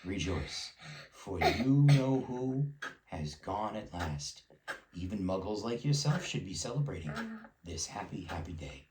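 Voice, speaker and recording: A man's voice: sits low, sing-song, measured pace. A man voicing a tiny, cheerful old man in a cloak who gushes with joy, in a roomy room with faint noise. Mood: joyful. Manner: joyful, gushing.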